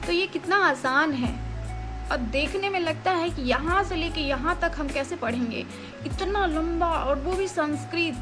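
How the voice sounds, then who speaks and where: A woman's voice: very high-pitched, a little slow. A woman teaching devotional Sanskrit recitation, explaining and chanting syllable by syllable. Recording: music playing behind.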